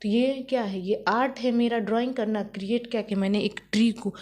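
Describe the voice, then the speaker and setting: A woman leads a vocabulary lesson in a steady classroom voice. She keeps asking her students questions and answering them herself. She spells new words out letter by letter. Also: fairly high pitch, brisk. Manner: repetitive classroom style, keeps asking questions and saying "theek hai". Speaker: teacher.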